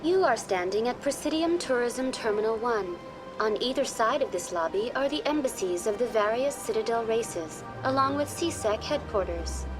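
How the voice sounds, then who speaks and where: A woman voicing a courteous virtual intelligence guide in a science fiction game, formal, measured and impersonal. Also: fairly high pitch, expressive, over music, lightly acted, low-quality recording. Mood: polite, composed. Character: courteous female virtual intelligence tour guide on a space station. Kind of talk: scripted informational game dialogue.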